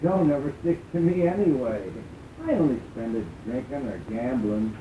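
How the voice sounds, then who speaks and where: An actor playing a good-hearted, bashful young stage comic in an early talkie film, halting and folksy. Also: male voice, mid-range voice, dark tone, close to an everyday voice. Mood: sheepish, earnest. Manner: halting, folksy, stammering slang. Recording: noisy 1929 film soundtrack.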